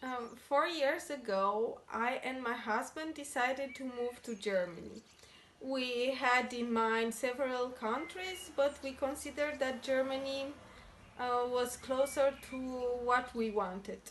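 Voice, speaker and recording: A woman speaks in a high voice, slowly and with some hesitation. A faint hum of background noise sits behind her. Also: a bit bright. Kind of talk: personal testimony to camera.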